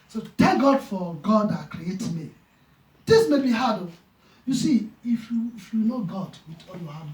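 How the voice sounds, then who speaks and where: A male pastor with a high-sitting, slightly mellow voice preaches passionately, repeating phrases and acting out conversations. The mic is far off in an echoey church room.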